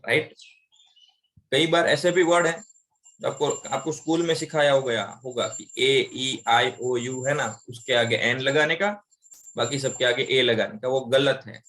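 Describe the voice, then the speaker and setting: A man's voice: mid-range voice, fairly bright tone. A man teaching English grammar in an online class, explaining patiently and repeating examples aloud.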